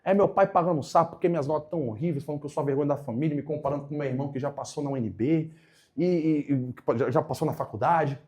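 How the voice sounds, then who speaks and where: An earnest, troubled teenage class clown, as a Brazilian preacher quotes him, pleading his case. The voice rises higher than the speaker's usual one but stays soft and mellow. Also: fast, natural voice.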